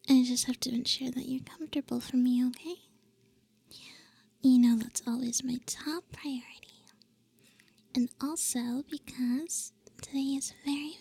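A young woman whispering a roleplay for the listener in a soft, teasing, affectionate way, with breathy little hums between phrases. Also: high-pitched, dry recording. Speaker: audio roleplay performer.

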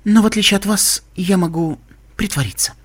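A man voicing a gentle, refined female unicorn pony with a soft, slightly husky voice, pleading and diplomatic. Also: high-pitched, brisk, voice pushed up. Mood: wry.

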